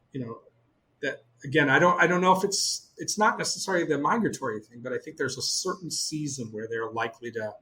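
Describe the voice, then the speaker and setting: Middle-aged israeli guy rambling about gliding, lots of you-knows, mid-pitch voice, slight hiss behind. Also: rough recording. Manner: animated, many fillers and restarts. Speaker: glider pilot guest. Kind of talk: casual storytelling interview.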